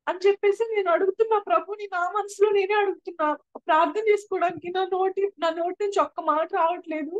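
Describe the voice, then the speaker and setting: A woman's voice: very high voice, fairly even intonation, quick pace, no echo, muffled recording. A young woman giving an earnest personal testimony at a prayer house, often repeating and restarting her phrases. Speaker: church testimony speaker.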